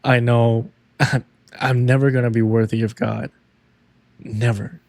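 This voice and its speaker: A man co-hosting a faith podcast, talking in a halting, reflective way about his own struggles. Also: mid-range voice, flat delivery, darkish tone, no echo. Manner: slow, reflective, halting, with frequent "yeah" backchannels. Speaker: podcast co-host. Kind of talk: casual faith talk.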